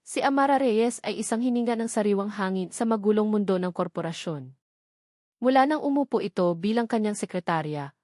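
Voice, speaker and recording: Reading a dramatic scripted story, a woman audiobook narrator speaks with a Filipino accent at medium pitch, her voice a little mellow. The recording is dry and studio quality.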